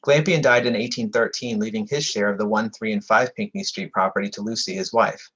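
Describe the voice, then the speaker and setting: Guy doing a history talk, husky low voice, kinda muffled, trips over words, sometimes talking over sirens. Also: fairly even intonation, brisk, a bit bright. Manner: reads prepared text with frequent stumbles and self-corrections. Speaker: lecturer presenting a book on historic buildings. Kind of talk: slide-illustrated history lecture. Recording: slightly dull, muffled audio with passing sirens.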